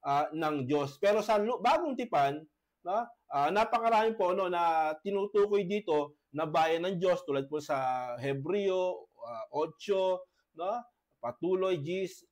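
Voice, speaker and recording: Male pastor, high voice, coughing, halting debate speaker on a video call. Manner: halting, many tag questions. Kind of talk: debate presentation.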